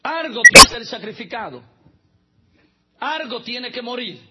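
A man's voice: very high voice, lively intonation, measured pace, lo-fi sound, background noise. A man preaching a sermon as pastor, mixing humorous asides with teaching and spelling out words letter by letter.

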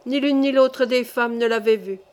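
A woman reading a classic novel aloud as an audiobook narrator, with steady, measured storytelling. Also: on the high side.

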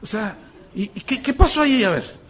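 A man's voice: high-pitched, normal speed. A male pastor preaching a sermon, telling a story and acting out the voices in it. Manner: animated, acts out voices in anecdotes. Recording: dull lo-fi sound.

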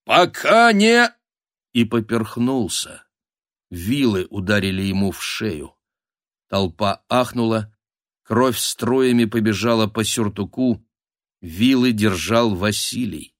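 Low-voiced male audiobook narrator. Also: slow pace, dry recording, clean studio sound. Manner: even, dramatic storytelling. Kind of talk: scripted narration.

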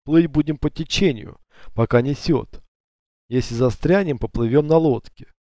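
A cruel bandit chief, as read by a man hands out orders in a curt, offhand way. The tone stays mellow and dark, recorded dry and close to the mic. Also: on the high side, moderate pace, no room sound, voice pushed up, lightly acted. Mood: weary. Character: cruel bandit leader Pasha, curt and callous.

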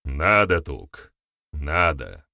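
A man voicing a stern middle-aged war chief who speaks forcefully and with emphasis, in a storybook reading. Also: extremely low pitch, very animated, drawn-out words, gravelly, no echo, studio quality, exaggerated voice.

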